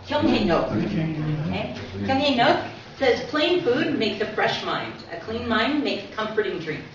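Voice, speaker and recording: In a muffled, noisy recording taken from far off in an echoing community-centre hall, a woman gives an informal public lecture about her book. Her mid-range voice swings widely in pitch and her delivery is unhurried. She reads out aphorisms and drops in small asides as she talks with the audience.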